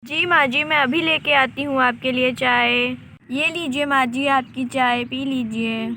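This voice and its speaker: A dutiful young daughter-in-law answering politely and eagerly, as a woman plays her. Her voice is high, with hiss in the background. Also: fairly even intonation, unhurried, creaky, pushed and bright, heavily acted. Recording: noisy home recording.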